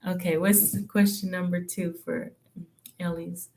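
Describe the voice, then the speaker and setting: A woman with a lowish, warm voice gives live tarot readings at a measured pace with flat delivery. It's casual live-stream reading and chat, candid and slangy, as she thinks aloud with hums and trailing phrases.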